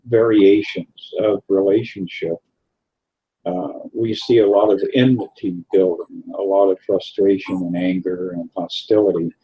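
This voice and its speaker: A man co-hosting a casual film discussion, talking in an unhurried, reflective way with frequent pauses. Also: on the low side, warm tone, slightly rough, rough recording. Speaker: co-host reviewing a film.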